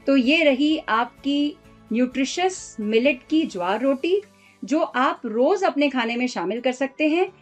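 Female show host, somewhat high voice, smooth and inviting, light music bed. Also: animated, unhurried. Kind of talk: presenter voice-over.

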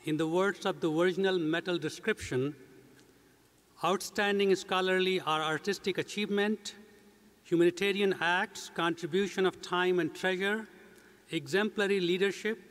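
An older man, a university president, giving a measured, scripted formal speech at a commencement ceremony. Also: high-pitched, fairly even intonation, a bit bright. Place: large indoor commencement stage. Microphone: podium mic. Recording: long reverb of a big hall.

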